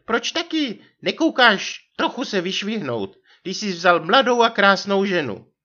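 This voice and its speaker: A man reading a story and voicing an indignant, theatrical young wife in a high falsetto. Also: sing-song, bright, forceful tone, lo-fi sound, exaggerated voice. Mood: indignant scolding. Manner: shrill falsetto scolding.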